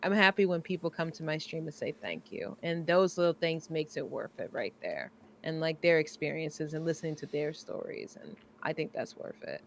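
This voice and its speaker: A woman streamer as a podcast guest, telling stories in an animated, laughing way. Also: low voice, moderate pace. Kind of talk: casual podcast chat.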